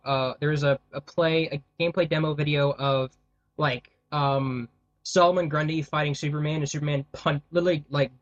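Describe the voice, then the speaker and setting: A man's voice: on the high side, a bit bright, dry recording, dull audio. A man co-hosting a podcast in casual chat, often stopping and restarting his sentences. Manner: halting, many restarts. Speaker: podcast co-host.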